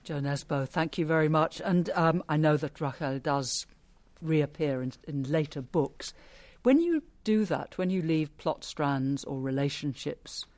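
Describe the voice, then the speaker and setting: A radio presenter leading an interview in a chatty, teasing way, with lively asides. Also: mid-range voice, unhurried.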